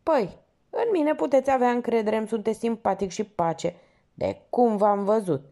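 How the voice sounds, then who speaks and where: A woman's voice: on the high side, mellow, voice pushed up, close to an everyday voice. A woman doing a fawning gossipy old porter. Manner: obsequious, gossipy, exclaiming. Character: fawning chatty older male theater porter.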